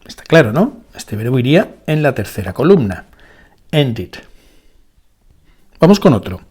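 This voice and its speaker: A man teaching a spoken language lesson, going slowly and deliberately, repeating each example word and checking in with rhetorical questions. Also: mid-range voice, big pitch swings, a little mellow, husky. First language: Spanish. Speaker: English teacher.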